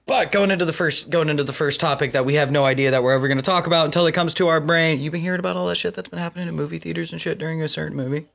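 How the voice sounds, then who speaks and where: A man co-hosting a casual podcast from a new office, loud, excitable and profane. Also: fairly high pitch, very fast, vocal fry, few pauses. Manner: loud, excitable and profane, slips into goofy voices. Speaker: co-host. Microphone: desk mic without boom arm.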